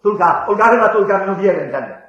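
A stern, high-ranking police colonel barks his orders in a raised, carrying voice, as an old preacher puts him on. The sound rings around an echoey room. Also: animated, muffled recording. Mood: commanding. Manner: commanding, then warmly inviting.

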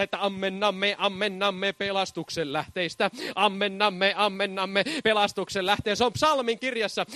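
High, bright-voiced fervent male preacher. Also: no room sound. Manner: fervent, keeps shouting hallelujah and laughing. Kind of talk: charismatic sermon.

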